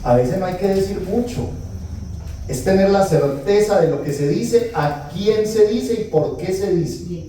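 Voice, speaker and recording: A man's voice: high voice, animated, unhurried, mellow. A man giving a retreat talk as a priest, telling scripture stories and acting out the dialogue with humor. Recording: echoey hall, distant mic, faint noise.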